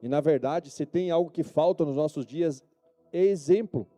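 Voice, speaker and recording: A man's voice: on the high side, normal speed, mellow, soft background music. A male pastor with a Brazilian Portuguese accent preaching a sermon at a church service, often calling for amen and yes-or-no answers from the congregation.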